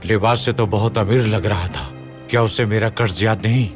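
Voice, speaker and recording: Dubbed series: pushy gambler, played by a man, fairly deep, shouting and insistent. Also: fairly even intonation, moderate pace, faint music behind, natural voice.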